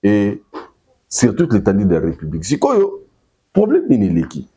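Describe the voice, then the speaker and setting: A man with a Congolese accent giving animated political news commentary, emphatic and repeating his key phrases for weight. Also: fairly low pitch, moderate pace, husky. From Democratic Republic of the Congo. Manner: emphatic, repeats key phrases, mixes two languages freely.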